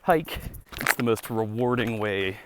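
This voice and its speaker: A man's voice: lowish voice, animated, a little slow, background noise. A man talking in a casual, rambling vlog style, informal and reflective, thinking aloud outdoors on a hiking trail. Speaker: vlogger and boot reviewer.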